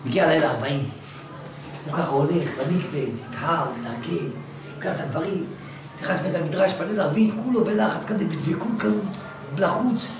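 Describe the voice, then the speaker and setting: Animated male religious teacher telling stories in class; distant mic, noisy background. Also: on the high side, heavy reverb. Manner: animated storyteller, swings from hushed to loud. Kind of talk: storytelling lesson to a class.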